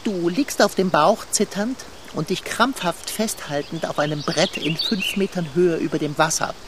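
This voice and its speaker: A man's voice: fairly high pitch, moderate pace, noisy background, natural voice. A man voicing a pompous, sarcastic tomcat in a radio play, speaking in stilted old-fashioned phrases. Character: pompous male tomcat, dry and condescending.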